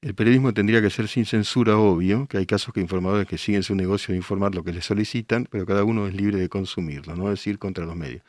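A man's voice: lowish voice, fast talker, hardly any pauses, darkish tone, dry recording, clean studio sound. An older man with an Argentine accent hosting a radio show, reading listener messages and answering them with emphatic rhetorical questions. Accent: Argentine Spanish. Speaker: radio host.

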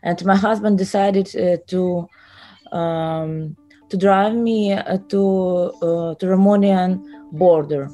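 A woman in her thirties speaks English with a Ukrainian accent, slowly and with many pauses and fillers. Her voice is slightly low and mellow. She answers interview questions with halting care. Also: faint music behind. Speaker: interview guest.

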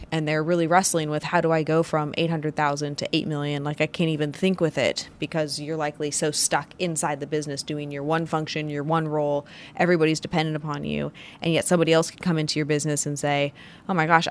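A woman business owner hosting her own show, giving a motivational business talk with emphatic, punchy phrasing. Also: sits low. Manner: emphatic, punchy delivery with stressed short phrases. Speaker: business owner and podcast host.

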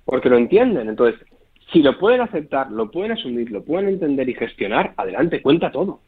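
A man from talks fast and keeps checking that his listener is following. His voice is slightly husky. The sound is thin and narrow, like a phone line. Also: medium pitch, big pitch swings. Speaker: poker coach guest. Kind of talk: podcast interview. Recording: tinny phone-like audio.

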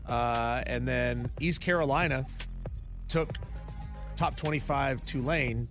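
A man with an American accent and a medium-pitched voice co-hosts sports talk radio. He comments conversationally, listing details, with faint music underneath. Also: takes it slowly, fairly bright tone.

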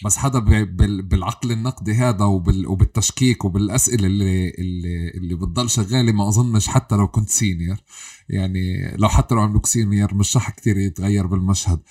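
A man's voice: on the low side, a little mellow. A man with a Levantine Arabic accent, interviewing a guest in a conversational way as host.

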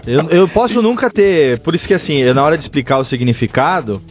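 A Brazilian man, a podcast guest, tells his story in a lively way, acting out the conversations and restarting a sentence now and then. His voice sits a little high for a man, with faint music underneath. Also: quick pace. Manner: animated storyteller, acts out dialogue, some restarts. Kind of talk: casual storytelling interview.

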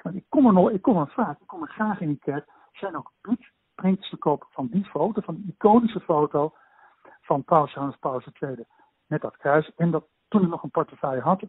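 Man, low-quality remote connection, phone-like dry sound, husky, halting with fillers. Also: no echo. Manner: halting, with many fillers and restarts. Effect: low-quality remote connection with poor sound. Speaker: correspondent interviewed remotely. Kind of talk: explanatory conversational interview. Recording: tinny, dry phone-like line.

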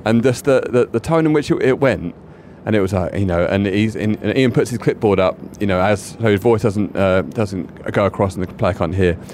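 A man co-hosting a podcast, telling an excited, rambling anecdote with many restarts. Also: lowish voice, moderate pace, hardly any pauses, a little hiss or hum. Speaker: podcast co-host. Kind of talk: casual chat.

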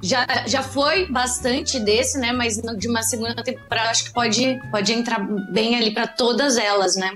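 A woman with a fairly high voice comments thoughtfully and pauses to find her words. Faint music plays behind. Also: a bit bright. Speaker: co-host. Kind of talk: casual commentary.

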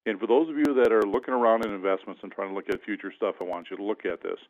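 A man's voice: fairly low pitch, fairly even intonation, rapid-fire, dry recording. A man joining a radio show over a phone line from a cabin in the woods, talking casually as a financial advisor and rambling with many hesitations. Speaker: financial advisor, regular guest. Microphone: phone or internet call.

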